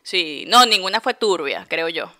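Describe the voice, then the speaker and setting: A woman's voice: lowish voice, sing-song, a little slow, bright, forceful tone. A young Venezuelan woman co-hosting a podcast, chatting casually and laughing through her stories. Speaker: podcast co-host. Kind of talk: casual chat.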